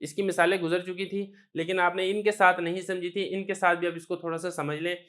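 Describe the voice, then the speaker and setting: A man's voice: sits high, level tone, a bit bright. A man with a Pakistani Urdu accent teaching a religious studies lesson, explaining patiently step by step with repeated examples. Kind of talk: classroom lecture.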